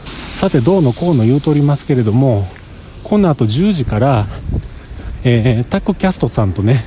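A man's voice: medium pitch, lively intonation, moderate pace, dark tone, a little hiss or hum. A man with a Kansai accent, chatting in a rambling, self-mocking way for a casual travel diary while walking outdoors across a parking lot. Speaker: travel vlogger.

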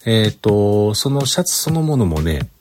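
Over soft background music, this recorded solo show's host, a man with a Kyoto Kansai accent, chats casually in a monologue. He is very animated but unhurried, his voice on the low side and darkish. Congestion blocks his nose, so he sounds like he's speaking while holding his breath.

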